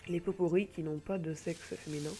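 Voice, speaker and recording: A man's mellow, slightly high voice moves fairly quickly with a steady tone, backed by soft music. He has a cold and presents an online game, speaking casually and hesitantly over gameplay into a home computer mic, with rambling and many fillers.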